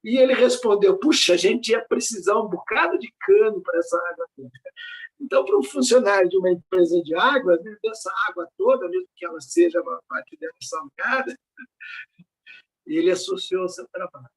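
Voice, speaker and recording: A man's voice: high-pitched, expressive, brisk. An older man speaking as an invited lecturer over slides on a video call, reflective and fond of rhetorical questions. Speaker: invited speaker at a research network meeting. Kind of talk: academic talk over slides.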